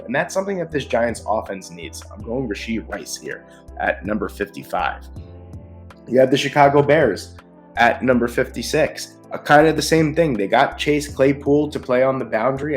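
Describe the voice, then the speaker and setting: A man hosting a casual football mock draft video, talking with excitement and frequent restarts. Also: mid-range voice. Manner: excited, rapid-fire picks with frequent restarts. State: short of breath. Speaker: sports video host.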